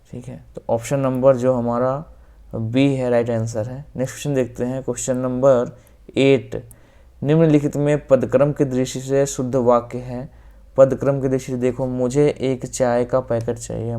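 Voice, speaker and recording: The Hindi-accented North Indian man's voice is smooth, dark and mellow at medium pitch as he steadily teaches exam-prep grammar in a flat delivery. Step by step he works through each question, repeats the answers, says "ok" often, and his phrases trail off softly.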